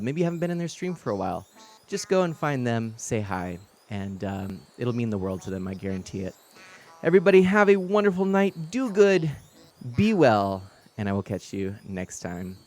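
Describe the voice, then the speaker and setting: A man's voice: mid-range voice, a little mellow. A man hosting a game stream, chatting casually and laughing often, a little out of breath and recovering from being sick. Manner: laughing, chatty, rambling sign-off. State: slightly out of breath, recovering from sickness. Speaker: streamer host.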